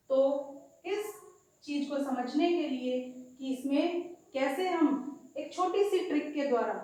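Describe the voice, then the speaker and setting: A woman teacher giving a patient lesson, slowly explaining and repeating example words aloud. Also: sits high, a little mellow. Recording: very echoey room.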